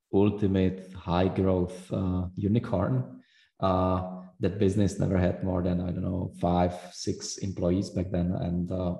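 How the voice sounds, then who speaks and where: A man in his late thirties with a Czech accent, a podcast guest who talks in a measured way with many hesitant fillers. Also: low voice, vocal fry, mellow. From Czech Republic. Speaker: guest entrepreneur. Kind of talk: podcast interview. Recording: roomy echo.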